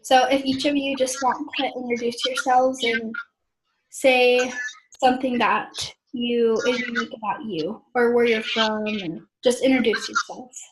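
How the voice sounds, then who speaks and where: A young woman from Idaho leading a casual group discussion over a video call, talking slowly and clearing her throat often. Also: fairly high pitch, steady tone, noisy background. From Idaho, USA. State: pregnant. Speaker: discussion leader.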